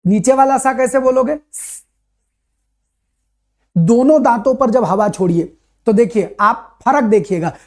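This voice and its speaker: A man teaching a Hindi grammar lesson for exam students, chatty, calling his students brother and slowly repeating sounds to demonstrate them. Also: extremely high pitch, a little mellow. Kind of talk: classroom lesson for competitive exams.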